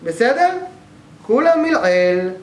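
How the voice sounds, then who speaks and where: A man's voice: very high voice, very animated. A male teacher giving a grammar class in a synagogue hall, explaining step by step and often checking that the class follows. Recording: echoey room, faint background noise.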